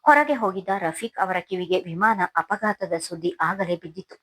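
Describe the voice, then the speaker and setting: A woman narrating a Kannada novel in a steady, solemn storytelling manner. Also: fairly low pitch. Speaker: audiobook narrator.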